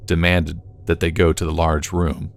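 Deep gravelly man narrating a story. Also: level tone. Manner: slow, measured storytelling. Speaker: audiobook narrator. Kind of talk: scripted narration.

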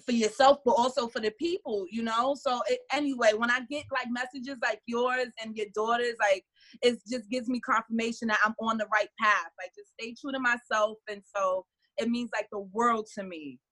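A woman in her late twenties with a New York accent, a guest chatting in an interview who laughs often and talks in animated, trailing bursts. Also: fairly high pitch, moderate pace. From Harlem, New York. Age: late 20s. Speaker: guest, artist. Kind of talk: casual interview chat.

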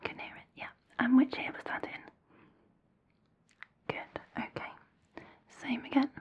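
A woman whispering slow, reassuring instructions in an ASMR hearing-test roleplay. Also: sits high, little pitch movement, slightly rough, lo-fi sound.

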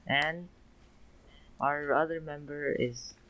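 A man's voice: on the high side, steady tone, slow pace, bright, forceful tone, rough recording. A teenage boy co-hosting a podcast over a video call, teasing and giggly. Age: teens. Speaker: podcast co-host. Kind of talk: casual chat.

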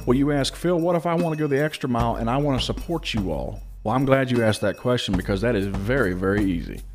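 A man's voice: medium pitch, fast talker, soft background music. A man hosting a casual podcast, telling folksy stories and laughing often. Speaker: podcast host.

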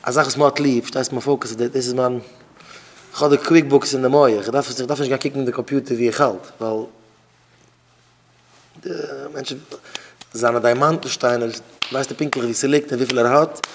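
A man's voice: medium pitch, fairly even intonation, brisk, long pauses, a little hiss or hum. Emphatic man preaching, phrases repeated. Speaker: rabbi giving a talk. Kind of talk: informal sermon to students.

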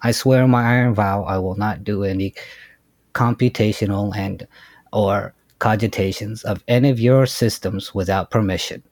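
An earnest crewman swearing a solemn vow, played by a man with a low, gravelly voice. The voice sounds dry and close. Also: fairly even intonation, moderate pace, darkish tone, dry recording, natural voice.

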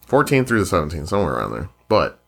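A man's voice: sits low, fast talker, husky. A young man co-hosting a podcast, chatting casually and joking, with lots of fillers. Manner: joking, filler-heavy, lively. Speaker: podcast co-host. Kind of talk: casual chat.

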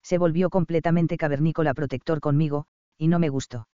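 A man's voice: fairly high pitch, fairly even intonation, fairly quick, dark tone, smooth, dry recording, lightly acted. A man voicing a frustrated, competitive young woman in a romance audiobook. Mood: exasperated. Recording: slightly dull, dry studio recording.

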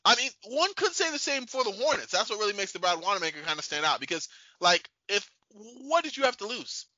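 A man co-hosting a casual sports podcast, animated and rambling, repeating himself as he talks. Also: high voice, fairly quick, no echo, lo-fi sound. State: sleepy, yawning late at night. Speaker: podcast co-host.

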